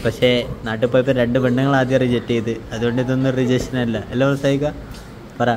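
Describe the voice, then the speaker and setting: A Malayali-accented man with a medium-pitched, level voice talks quickly and casually for a food vlog, teasing and slipping English words into his Malayalam. He records on a handheld phone inside a busy restaurant, where chatter fills the noisy background.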